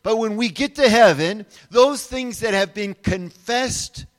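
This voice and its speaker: A middle-aged male pastor with a high voice for a man delivers a sermon. He talks to the congregation in an easy, conversational way, often restarting his sentences and turning aside to speak to them directly. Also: a little slow, big-room sound.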